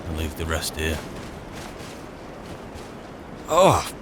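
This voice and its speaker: A very deep, sing-song voice at normal speed comes through heavy background noise as a man roleplays a wry fantasy adventurer on a let's play channel. Staying in character, he improvises narration and muses aloud to himself and his companions.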